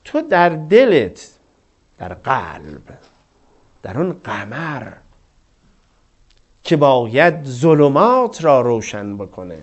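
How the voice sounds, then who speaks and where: A man's voice: mid-range voice, very animated, long pauses, highs cut off. A man preaching a religious sermon, asking rhetorical questions and quoting scripture with fervor.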